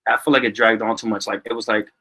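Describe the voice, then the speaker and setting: During a live online review stream, a male music reviewer gives loose, chatty feedback on a song over an online call, leaning on "you know what I'm saying." His lowish voice is level and sharp, and he talks fast. The recording is low quality.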